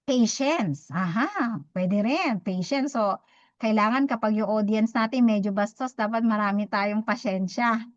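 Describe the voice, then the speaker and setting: A woman, teaching public speaking to a live audience, talking fast and quizzing her listeners. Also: mid-range voice, no room sound, dull audio. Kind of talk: interactive talk to a live audience.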